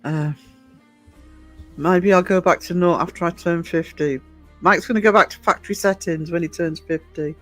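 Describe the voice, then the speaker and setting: A woman's voice: on the low side, steady tone, normal speed, faint music behind. A woman in her fifties chatting casually with viewers on a livestream, rambling and chuckling often. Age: 50s. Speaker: livestream host.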